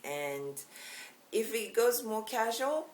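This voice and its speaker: A woman's voice: fairly high pitch, sing-song, takes it slowly, darkish tone, echoey room, a little hiss or hum. A Japanese woman in her thirties with a Japanese accent, teaching a casual language lesson in a small room, explaining carefully with frequent fillers. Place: small bright indoor room.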